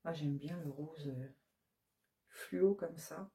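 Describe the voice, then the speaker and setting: A woman's voice: deep voice, takes it slowly, dark tone. A woman who runs a yarn shop, casually showing her new colorways on camera, listing the colors one by one with many hesitant fillers. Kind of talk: casual product show-and-tell.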